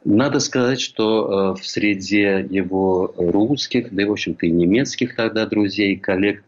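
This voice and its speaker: An older man from St. Petersburg telling a measured, reflective memoir as a historian recalling a colleague. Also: sits low. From Russia, St. Petersburg. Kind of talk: memoir lecture. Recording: dull lo-fi recording.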